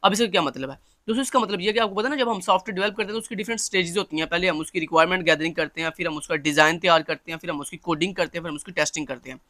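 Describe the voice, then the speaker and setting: A man's voice: high-pitched, racing, few pauses, pushed and bright, no echo, studio quality. A Pakistani man lecturing on a course topic, explaining step by step, repeating points and addressing listeners as friends.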